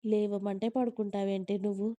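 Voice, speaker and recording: A woman voicing a teasing, bossy young husband who scolds with care, in a gruff tone. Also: medium pitch, level tone, brisk, warm tone, no room sound, natural voice.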